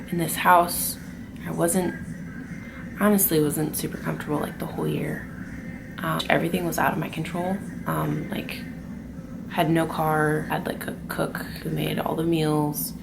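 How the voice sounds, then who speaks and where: Young female vlogger, low and very gravelly, hushed half-whisper, noisy recording; candid and loose. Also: lively intonation, measured pace. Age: young adult. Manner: soft-spoken, half-whispered, swears casually. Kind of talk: casual confessional talk. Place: group home at night, indoors.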